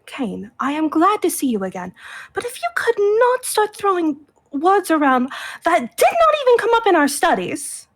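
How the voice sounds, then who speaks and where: Woman voicing a young female noble dog, indignant, scolding, high lively voice. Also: moderate pace, gravelly, few pauses, slightly rough, exaggerated voice. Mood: stern.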